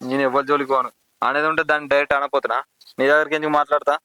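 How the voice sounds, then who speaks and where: An actor with a Telangana Telugu accent playing a proud young village postman who is quick to get indignant. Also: a little high, level tone, sharp tone, clear, resonant tone, no echo. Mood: curt. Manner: pleading, then heated and indignant. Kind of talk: village drama acting.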